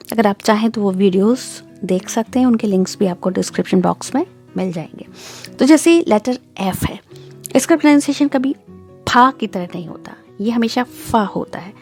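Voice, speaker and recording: A woman giving a spoken lesson, explaining and slowly demonstrating English pronunciation. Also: medium pitch, a little mellow. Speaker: English teacher.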